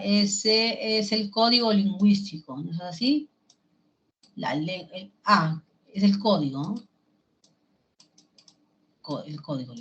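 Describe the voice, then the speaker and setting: Peruvian woman teacher, unhurried delivery, asks the class questions; muffled lo-fi classroom recording. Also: medium pitch. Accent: Peruvian Spanish. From Peru. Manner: slow, explains step by step with questions to the class. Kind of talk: language class lecture.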